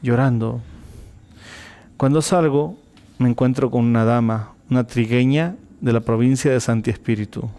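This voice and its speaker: A man's voice: mid-range voice, normal speed, mellow. A man telling a personal faith testimony as an interview guest, acting out the dialogue vividly.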